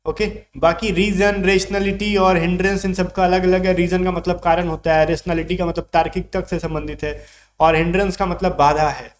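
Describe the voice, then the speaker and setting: A man's voice: sits high, little pitch movement, brisk. A man teaching an exam vocabulary lesson, explaining words step by step and checking in with his students often.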